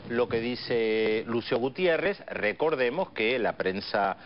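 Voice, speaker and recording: A man's voice: mid-range voice, slow, dull audio. A middle-aged Argentine man giving live commentary as an international affairs analyst on TV news. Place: TV news studio.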